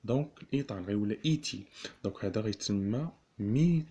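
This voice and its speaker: Slow, repetitive Moroccan man teaching. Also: lowish voice, lively intonation, mellow, dull audio, a little hiss or hum. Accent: Moroccan Arabic. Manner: repeats each term slowly, asks rhetorical questions. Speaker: chemistry teacher. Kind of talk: classroom lesson explaining notation.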